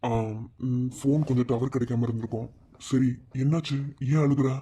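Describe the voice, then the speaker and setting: A man voicing a calm cartoon husband who soothes his worried wife on the phone. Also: medium pitch, moderate pace, husky, close to an everyday voice. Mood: reassuring. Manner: steady, soothing, firm. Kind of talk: cartoon voice acting. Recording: dull lo-fi sound.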